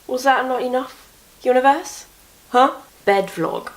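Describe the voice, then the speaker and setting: With a high voice and a slow pace, a young woman shares stories in a casual vlog from her bed. She has a cold that leaves her sniffly and coughing, yet her tone stays chatty, wry and self-mocking.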